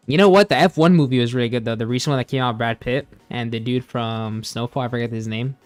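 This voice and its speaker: A man's voice: medium pitch, fast, faint music behind. A young man streaming a game, chatting casually with viewers in a rambling, laid-back way, full of fillers and restarts. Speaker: gaming streamer. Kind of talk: casual chat while gaming, reading chat.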